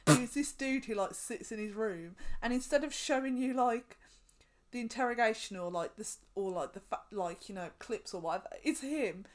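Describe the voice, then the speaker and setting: A woman's voice: a little high, normal speed. A woman co-hosting a podcast in casual chat, chatty and acting out quotes in funny voices. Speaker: podcast co-host.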